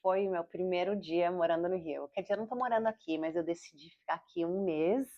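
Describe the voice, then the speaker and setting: A Brazilian-born woman in her forties with an American-accented Portuguese, talking fast and rambling with self-corrections in a casual video diary. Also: fairly low pitch. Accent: Portuguese with an American English accent. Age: 40s. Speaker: vlogger and comedian. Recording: slightly dull lo-fi audio.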